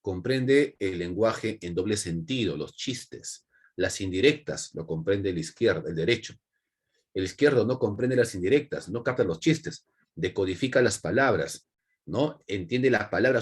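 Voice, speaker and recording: A man with a Peruvian accent teaching an online class, repeating key points and checking in with quick tags. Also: on the low side, lively intonation, breathy edge. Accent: Peruvian Spanish. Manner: repetitive, with frequent check-in tags.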